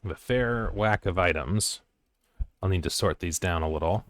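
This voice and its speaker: A man with a very low voice, recorded close and dry, gives casual commentary while playing a video game. He mutters to himself in short fragments and reads bits of screen text aloud. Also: moderate pace, dry recording.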